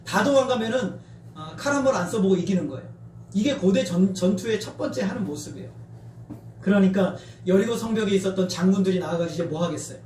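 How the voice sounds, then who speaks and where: A middle-aged male pastor preaches in a high voice, and he acts out shouts and taunts as he goes. His voice rings around the church sanctuary and comes from some way off the mic. A faint hum runs underneath. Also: animated, fast, reverberant, far from the mic. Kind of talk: sermon.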